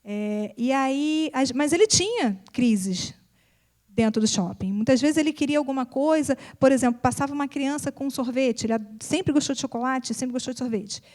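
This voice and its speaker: A woman's voice: high voice, normal speed, darkish tone. A middle-aged woman, speaking to an audience about her own family, repeating words for emphasis and acting out bits of dialogue. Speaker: psychopedagogue and mother speaking at an event. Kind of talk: personal talk to an audience.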